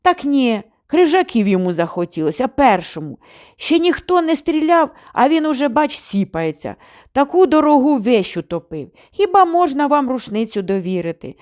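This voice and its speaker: A woman voicing a gruff old village grandfather who scolds bluntly. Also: sits high, sing-song, normal speed, darkish tone, pitched above the performer's own voice. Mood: scolding.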